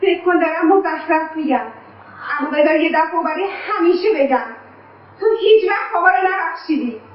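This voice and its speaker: An actress playing a grown daughter who accuses her mother and recounts events, in a radio drama. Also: very high voice. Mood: accusing. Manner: accusing, reproachful. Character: grown daughter, reproachful and emotional. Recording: echoey, distant, dull lo-fi sound.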